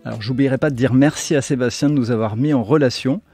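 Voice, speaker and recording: A man's voice: mid-range voice, quick pace, darkish tone, breathy edge, dry recording, faint music behind. A man hosting a podcast, reading a welcoming intro, then interviewing his guest. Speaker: podcast host.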